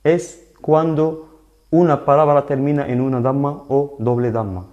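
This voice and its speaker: Slow, patient man. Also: mid-range voice, fairly even intonation, lo-fi sound. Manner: slow, patient explaining with frequent "¿vale?" checks. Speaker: Arabic teacher. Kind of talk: live online language lesson.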